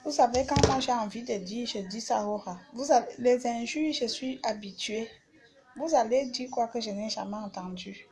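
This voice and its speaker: A woman's voice: fairly high pitch, moderate pace, noisy background. A woman hosting a live stream, talking casually and bluntly, repeating herself as she insults her critics.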